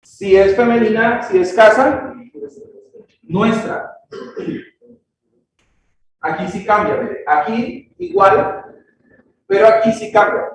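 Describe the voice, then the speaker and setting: A man's voice: high voice, takes it slowly, pauses often. A man teaching a grammar lesson in a church classroom, checking in with short questions and repeating key words. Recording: echoey room, distant mic, faint noise.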